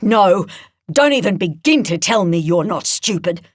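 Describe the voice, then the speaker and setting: A woman plays a furious female police officer in an audiobook thriller. She is commanding and raises her voice, with lively swings in pitch. The recording is close and dry. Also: normal speed, no room sound, close to an everyday voice.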